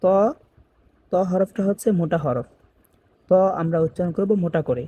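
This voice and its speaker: A man's voice: fairly high pitch, lively intonation, warm tone, a little hiss or hum. Patient man spelling words for learners. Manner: patient, spells letters slowly and repeats each word. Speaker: Quran reading teacher. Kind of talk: step-by-step spelling lesson.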